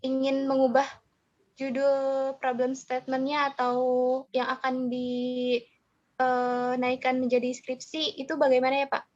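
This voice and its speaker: A woman's voice: high voice, completely flat delivery, measured pace, a little mellow. A woman with an Indonesian accent, a student politely and hesitantly asking questions in an online class, with many fillers. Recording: dull lo-fi call audio.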